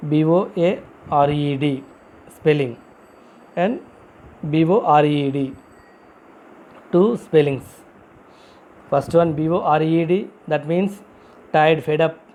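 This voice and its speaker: Slow, mellow-voiced man spelling words aloud. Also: fairly high pitch, rough recording. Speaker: English teacher. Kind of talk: vocabulary lesson.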